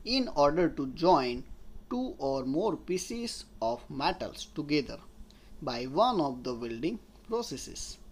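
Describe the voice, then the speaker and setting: A man's voice: on the high side, big pitch swings, slow, a little hiss or hum. A man, giving a slide lecture as an engineering tutor and explaining step by step while restating his points. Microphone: voice-over on slides.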